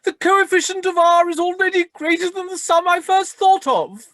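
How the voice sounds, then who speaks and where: A woman's voice: extremely high pitch, moderate pace, a bit bright, dry recording. A woman playing a long-suffering, deferential professor in a comic pantomime, weary, stammering and pedantic. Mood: pleading, weary.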